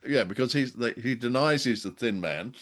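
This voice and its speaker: An Australian man co-hosts a casual radio chat show, chatting about and reviewing old radio drama. His mid-range voice is expressive and moves at a moderate pace, and his delivery is wry, jovial, hesitant and wordy.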